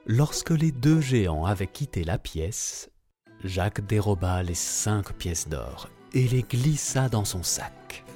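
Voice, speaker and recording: A man reads a fairy tale aloud in a low, mellow voice. His pace is unhurried and his pitch moves in lively sweeps. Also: faint music behind. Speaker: narrator. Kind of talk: storybook reading aloud.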